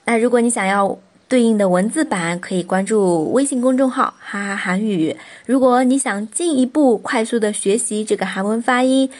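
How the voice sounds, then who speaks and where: A woman teacher walks learners patiently through each sound in a pronunciation lesson. She explains every step before moving to the next. She says the example syllables slowly and draws them out so they are easy to copy. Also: on the high side. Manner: slow, drawn-out model pronunciations of sounds. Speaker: Korean language teacher.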